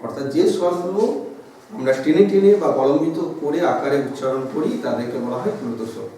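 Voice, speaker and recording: A man teaching a grammar lesson, his voice a bit on the high side as he explains patiently and stretches out sounds to show how they work. He is heard from across a strongly echoing room, with faint noise in the background. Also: expressive, a little fast, dark tone. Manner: explanatory, drawing out sounds to demonstrate. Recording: echoey room from far off.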